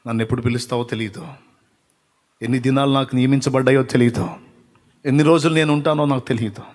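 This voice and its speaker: A man preaching in the style of a fervent prayer, pleading and swinging from hushed whispers to loud impassioned cries. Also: mid-range voice, fairly even intonation, fast talker, long reverb tail. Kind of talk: emotional prayer sermon.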